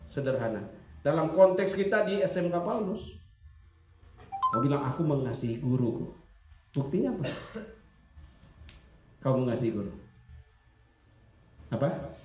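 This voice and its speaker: A man giving an Easter sermon to students, lively and full of questions, acting out teachers as he speaks. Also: mid-range voice, measured pace, long pauses, echoey room, slight background noise. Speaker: school chaplain preaching to students.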